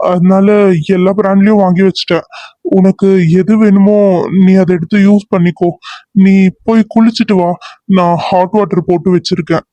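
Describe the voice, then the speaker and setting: A man voicing an obsessive young male kidnapper in a cartoon serial, who fusses softly over his captive. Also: sits high, no room sound, dull audio, close to an everyday voice. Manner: soft, fussing, over-attentive. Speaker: cartoon character.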